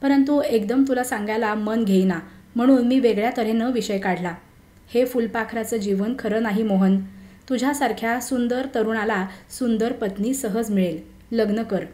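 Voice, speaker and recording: An earnest young man in a spoken storybook, as a woman reader plays him, his voice serious and sincere. It sits fairly high, with a roomy echo around it. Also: moderate pace, warm tone, lightly acted. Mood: grave. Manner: grave, earnest warnings.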